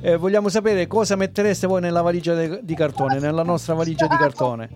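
High-pitched southern Italian man hosting. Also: steady tone. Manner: joking, halting, repeats himself. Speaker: radio interviewer. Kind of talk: casual chat. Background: faint music.

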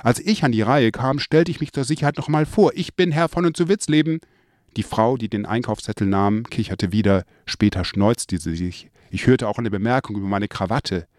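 A man reading his own memoir aloud, telling a childhood story in a lively way and lifting his voice for the remembered lines. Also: on the low side, moderate pace, few pauses, dry recording, clean studio sound. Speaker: narrator.

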